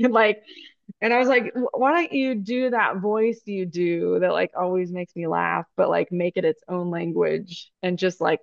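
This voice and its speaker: A woman with a low, gravelly voice tells stories in a relaxed interview. She rambles, padding her talk with fillers and restarts. The recording is dry and a little dull. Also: dry recording. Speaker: guest, stop motion animator. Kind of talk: casual interview storytelling. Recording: dry, dull lo-fi podcast audio.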